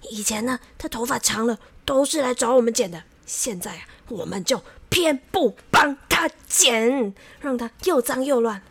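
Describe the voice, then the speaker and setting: A woman's voice: a little high, expressive, moderate pace, few pauses, slightly rough. A woman voicing a resentful, grumbling male village barber in a children's storybook, with a sulky, scheming manner.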